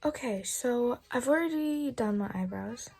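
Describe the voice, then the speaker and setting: A 21-year-old woman, chatting casually through a makeup tutorial in a relaxed, often half-whispered way. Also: on the high side, unhurried, gravelly, over loud music. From England. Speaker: beauty vlogger.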